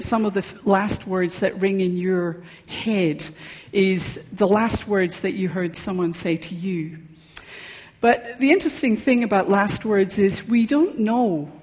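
A Scottish woman delivers a sermon from the front of a church. Her voice sits at a middle pitch and she talks in a chatty, personal way, pausing on ums. A long hall reverb trails her words. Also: darkish tone. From Scotland. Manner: conversational and personal, with frequent ums. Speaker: pastor.

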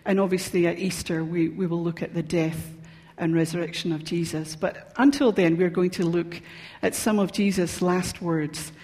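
A woman's voice: on the low side, steady tone, normal speed, mellow. A woman from Scotland with a Scottish accent, preaching a sermon in a chatty, personal manner with frequent ums. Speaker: pastor. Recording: long reverb of a large hall.

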